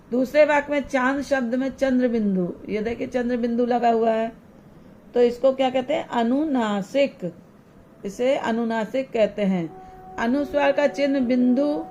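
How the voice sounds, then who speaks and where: A woman teacher giving an online class lesson to young children, slowly and deliberately spelling out example words one by one. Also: on the high side, darkish tone, muffled recording, slight background noise.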